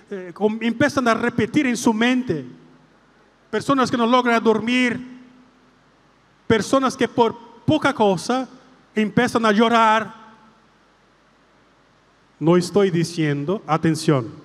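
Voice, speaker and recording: A man preaching a sermon as a priest, in slow, deliberate phrasing broken into short pieces. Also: sits high, long reverb tail.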